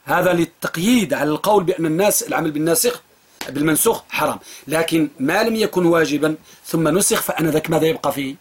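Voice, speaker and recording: A man's voice: on the high side, quick pace, husky. A man teaching a classroom jurisprudence lesson, repeating phrases and quizzing his students. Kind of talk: classroom lesson with drilling questions.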